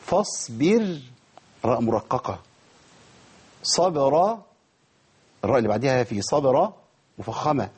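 Fast, husky Egyptian recitation teacher. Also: male voice, mid-range voice. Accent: Egyptian Arabic. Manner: lively, quizzes students and models pronunciations. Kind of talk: tajweed lesson to a class.

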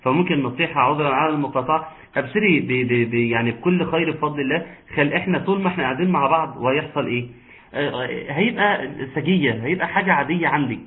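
A man with an Egyptian Arabic accent teaching an online Quran recitation lesson, patiently explaining and slowly modeling sounds for his students. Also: on the high side. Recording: tinny phone-like line.

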